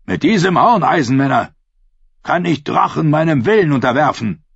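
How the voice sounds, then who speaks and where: A man's voice: a little high, animated, gravelly, breathy edge, no echo, lo-fi sound, voice pushed up, exaggerated voice. A man doing a menacing pirate king. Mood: commanding. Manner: slow, commanding.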